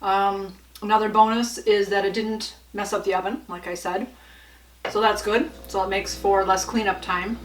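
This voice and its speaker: A woman's voice: mid-range voice, little pitch movement, normal speed, a little hiss or hum. Chatty woman in a roomy kitchen. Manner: chatty, rambling, with frequent fillers and small laughs. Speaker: home cooking vlogger. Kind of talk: casual cooking demonstration. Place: home kitchen. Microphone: camera mic at some distance. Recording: roomy kitchen, voice a bit far off.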